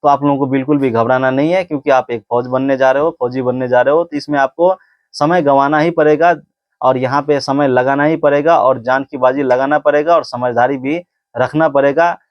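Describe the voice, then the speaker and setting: A man's voice: medium pitch, steady tone, fairly quick, no room sound, dull audio. A man giving casual, earnest training advice to viewers, repeating points and restarting sentences often. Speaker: physical test coach. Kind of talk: casual instructional talk to camera.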